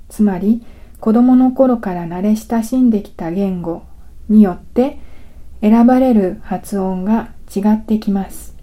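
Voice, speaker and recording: A woman teaching a language lesson in a careful, scripted narration, slowly explaining sounds step by step. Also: on the high side, phone-quality sound. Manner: slow, careful, deliberate explanation.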